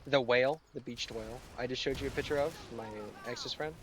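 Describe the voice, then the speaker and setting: A man's voice: mid-range voice, steady tone, fairly quick. A young man from the United States in his late teens, chatting sarcastically and rambling while he streams a game. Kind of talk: casual live-stream chat while gaming.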